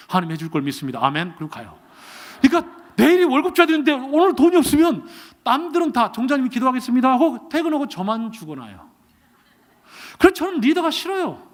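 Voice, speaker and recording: Middle-aged male pastor, storytelling sermon, plays both sides of a dialogue, very high and animated. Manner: acts out his prayers and God's replies with sharp swings in pitch and loudness. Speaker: pastor and university president. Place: church sanctuary.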